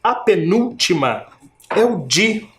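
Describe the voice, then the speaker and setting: A Brazilian man teaching children in a recorded video lesson, with a lively voice that rises and falls freely. He draws out each syllable and stresses it, then turns to his pupils with a question. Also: high-pitched, slow pace. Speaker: primary school teacher.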